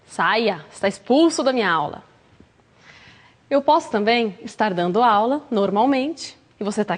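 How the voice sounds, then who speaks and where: A Brazilian woman teaching Portuguese for the entrance exam, explaining patiently and acting out example phrases. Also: high voice. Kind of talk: recorded exam-prep lesson. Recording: long hall reverb.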